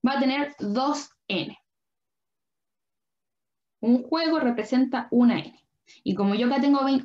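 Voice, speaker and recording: A woman's voice: on the high side, darkish tone. A young woman, a biology tutor patiently explaining a lesson and often checking that students follow. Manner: patient, checks understanding with frequent questions. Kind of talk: online lesson explaining at a drawing board. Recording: dull lo-fi online class audio.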